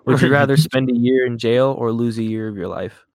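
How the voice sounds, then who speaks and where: A man's voice: mid-range voice, a little fast, dry recording. Giggly young man asking questions. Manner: giggly, easygoing. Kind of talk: casual banter.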